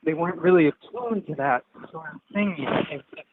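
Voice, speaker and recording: A young man in his twenties calls in while driving, his voice carried over a car Bluetooth link that sounds thin, tinny and distant. He talks in halting bursts, tripping over his words and starting again, with a faint hiss under the line. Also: a little high. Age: 20s. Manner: halting, many stammered restarts. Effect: phone call over car Bluetooth, sounding far from the mic. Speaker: caller. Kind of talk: call-in chat.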